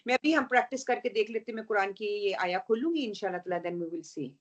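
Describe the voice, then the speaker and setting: A woman teaching Quran recitation rules in an online lesson, explaining patiently, checking in with her students, and slowly reciting example verses. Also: medium pitch. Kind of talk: online tajweed lesson, mixing Urdu and English.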